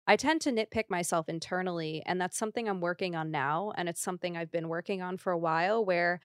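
A woman's voice: lowish voice, quick pace, clean tone, dry recording, clean studio sound. A young woman talking candidly as a podcast guest, rambling with lots of fillers and the odd nervous laugh. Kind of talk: casual podcast conversation.

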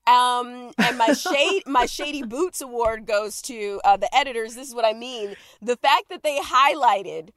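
A woman hosting a podcast in casual, animated, giggly chat, sounding like she is recording inside a small closet. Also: fairly high pitch, a little slow, few pauses, dry recording. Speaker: podcast host.

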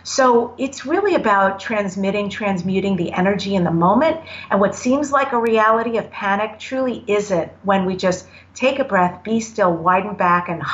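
Woman, reflective, encouraging, short phrases, slightly muffled remote sound. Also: medium pitch. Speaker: podcast guest. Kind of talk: casual conversation.

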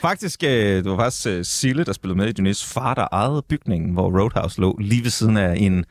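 A man's voice: lowish voice, animated, dry recording, studio quality. A man from West Jutland with a West Jutland accent, a musician guest in casual radio chat, laid-back, swearing freely and full of fillers. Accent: West Jutland Danish. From West Jutland, Denmark. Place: radio studio.

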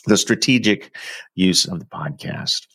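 An enthusiastic man hosts a podcast, chatting loosely with frequent fillers. His voice sits a bit low. The recording is dry, with no room sound. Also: animated, a little slow, a bit bright, breathy edge, no room sound. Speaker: podcast host. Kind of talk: casual interview chat.

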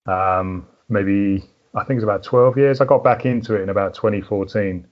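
A man's voice: on the low side, moderate pace, muffled recording. A middle-aged man with a southern English home counties accent, chatting casually as an interview guest in a hesitant, thinking-aloud way. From southern England. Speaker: podcast guest, mountain biker.

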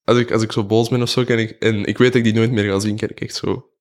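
A man's voice: fairly low pitch, level tone, fast. Hesitant Flemish man chatting. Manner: hesitant, many restarts, laughs easily. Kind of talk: casual chat.

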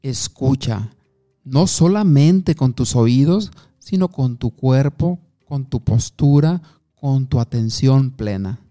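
A man's voice: mid-range voice, animated, slow pace, mellow, faint music behind. A man giving an instructive talk on communication, asking the listener questions and telling short anecdotes. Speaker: communication coach.

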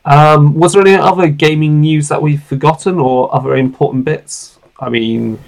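Gravelly man hosting a podcast. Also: fairly high pitch, fairly even intonation, unhurried. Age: late 30s to 40s. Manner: rambling, informal, swears freely. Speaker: podcast host. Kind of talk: casual podcast chat.

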